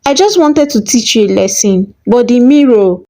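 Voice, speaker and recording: A woman voicing a bitter, jealous village woman who practices dark magic, speaking in a sharp, sarcastic way. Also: a little high, lively intonation, normal speed. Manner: sharp and sarcastic, turning tearful.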